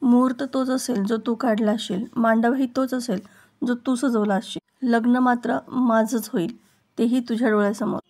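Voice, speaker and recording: Determined young bride, firm and composed, read by a woman in a higher, level voice. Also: steady tone, moderate pace, a little mellow.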